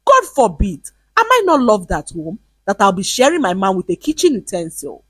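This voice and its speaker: A woman's voice: medium pitch, sing-song, moderate pace, husky, dry recording. A woman voicing a proud young woman pharmacist who scoffs at a rejected suitor. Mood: scornful. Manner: scornful, hissing.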